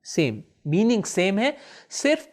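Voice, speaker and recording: A man teaching Arabic words of the Quran in a classroom-style lesson, asking questions and answering them himself, repeating each word slowly and mixing in English terms. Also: high-pitched, very animated.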